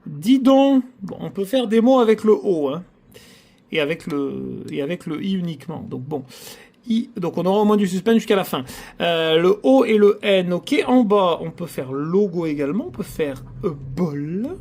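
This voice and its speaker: A man's voice: sits high, lively intonation, normal speed, creaky, darkish tone. A man hosting his own channel, chatting casually to viewers as he scratches lottery tickets and groans theatrically at every loss. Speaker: channel host.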